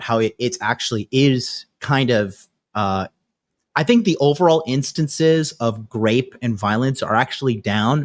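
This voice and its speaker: A man in his late thirties hosting a podcast, talking in a brash, crude, boastful way. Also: medium pitch. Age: 30s. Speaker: podcast host. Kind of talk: casual podcast chat.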